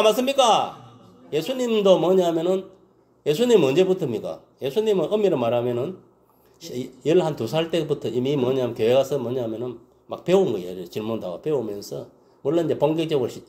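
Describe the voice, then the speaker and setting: Man, pastor, Sunday sermon, fairly high voice, very lively pitch, keeps asking "understand?". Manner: swings from loud exclamations to low muttering.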